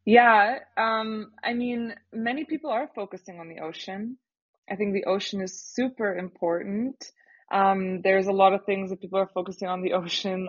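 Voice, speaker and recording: Young woman, earnest startup founder type, husky timbre, dry dull studio recording. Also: medium pitch, dry recording. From Canada. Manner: earnest, lively, with filler pauses. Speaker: startup founder, podcast guest. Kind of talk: casual interview talk.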